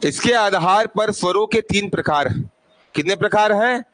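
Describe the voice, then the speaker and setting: A man's voice: high voice, animated, normal speed, a bit bright, no echo, rough recording. A male teacher giving a classroom lesson, quizzing his students over and over and prompting them to answer aloud.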